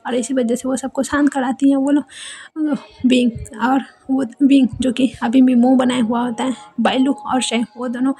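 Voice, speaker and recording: A woman retelling a fan story in a chatty, loose way, dropping in fillers as she goes. Her voice is high and mellow, and she keeps it on a flat, narrow melody. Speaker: story narrator. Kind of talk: casual storytelling narration.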